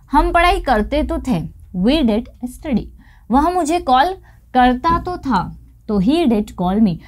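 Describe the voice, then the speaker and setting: Young female teacher, a bit high-pitched, patient step-by-step explainer who drags out the examples. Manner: explains step by step and says each English example slowly. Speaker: English teacher. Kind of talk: online language lesson.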